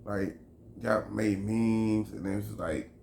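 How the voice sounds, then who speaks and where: A man's voice: on the low side, fairly even intonation, slow, gravelly, darkish tone, slight background noise. Heated man ranting in an echoey room. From Chicago. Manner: heated, emphatic, profane, repeats himself. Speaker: vlogger. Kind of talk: opinion rant to camera. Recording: roomy echo, faint background ambience.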